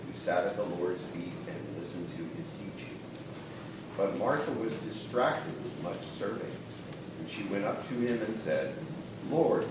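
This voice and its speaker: A man reading a passage aloud in a steady, plain manner during a church service. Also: on the low side, background noise. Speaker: scripture reader. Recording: echoey hall from far off.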